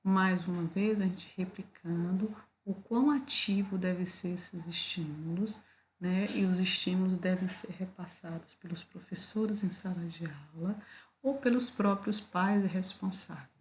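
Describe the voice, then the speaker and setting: A woman's voice: on the low side, steady tone, measured pace, slight background noise. A woman with a Brazilian Portuguese accent giving a video lecture, explaining step by step and checking in with "tá?" and "né?". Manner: explanatory, with frequent "tá?" and "né?" check-ins. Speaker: teacher.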